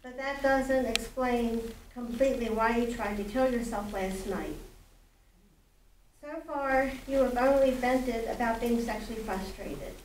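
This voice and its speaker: A woman reading the lines of a calm, probing male psychiatrist in a measured, questioning way, recorded from afar in a library event room. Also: a little high, recorded from a distance, lightly acted. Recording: roomy echo from afar, faint noise.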